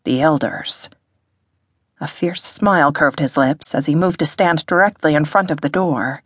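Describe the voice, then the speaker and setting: A woman reading an audiobook in a measured, dramatic narration. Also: deep voice, slightly rough, dry recording, studio quality. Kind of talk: scripted narration.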